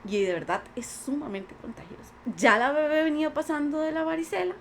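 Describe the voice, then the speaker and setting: A woman guesting on a podcast speaks a little fast in a high voice, her Costa Rican accent clear as she earnestly tells her life story in conversation. She acts out the many voices of others she quotes, over slight background noise.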